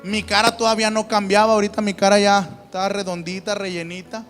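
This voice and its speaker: A man's voice: sits high, little pitch movement, a little fast, fairly bright tone, long reverb tail, faint music behind. A man preaching his personal testimony, fervent and often calling listeners brother. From Mexico. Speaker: evangelist giving testimony.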